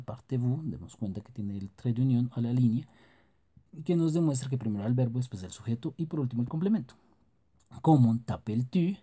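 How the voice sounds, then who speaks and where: Dark husky man teaching French grammar. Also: medium pitch. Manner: explains in Spanish, reads French examples slowly. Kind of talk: scripted grammar lesson narration.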